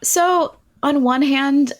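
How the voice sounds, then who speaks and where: A woman, co-hosting a podcast in relaxed, chatty conversation, talking with enthusiasm and plenty of "like"s. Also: high voice, extremely slow. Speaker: podcast co-host. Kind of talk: casual chat.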